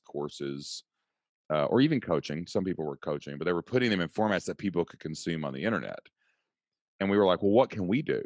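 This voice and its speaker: Very deep-voiced excitable storyteller man. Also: dry recording, studio quality. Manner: excitable, folksy, says "man" and "dude". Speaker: podcast guest, online entrepreneur. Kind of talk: animated storytelling.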